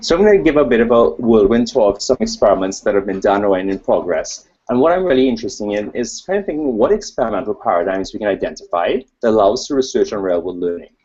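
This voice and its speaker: This man, an academic from Trinidad with the local accent, delivers a casual slide presentation at a conference, rambling and self-deprecating. His low-leaning, slightly mellow voice has lively intonation, and he speaks fast with few pauses. The recording is dull, lo-fi webcast sound.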